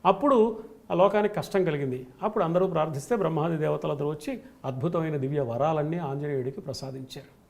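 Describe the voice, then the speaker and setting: A man's voice: a little high, fast talker, gravelly. A man, a spiritual scholar, giving a devotional discourse on scripture, stressing points in rhythmic lists. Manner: emphatic, rhythmic lists of qualities.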